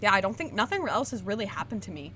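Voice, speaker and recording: A woman's voice: mid-range voice, very animated, quick pace, pushed and bright. Young woman co-host, casual and chatty, recorded outdoors with faint noise. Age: 20s. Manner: chatty, imitates people in her stories. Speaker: podcast co-host. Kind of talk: casual chat. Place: outdoors at a cookout.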